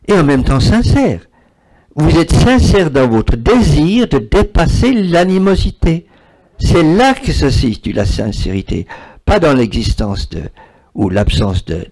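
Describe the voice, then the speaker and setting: A man's voice: a little high, sing-song, measured pace, a little mellow, slightly rough. A man, giving a spiritual talk and taking questions from an audience, repeating words for emphasis. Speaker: spiritual speaker.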